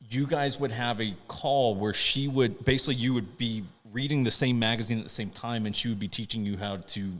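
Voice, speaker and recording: A man in a casual podcast chat, animated and teasing, often laughing. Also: lowish voice, in a large hall.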